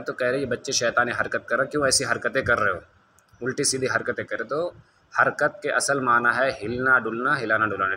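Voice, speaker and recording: A man teaching a Quran reading lesson to viewers. He asks his own questions, answers them, and stretches the letter sounds slowly. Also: mid-range voice, pushed and bright, a little hiss or hum.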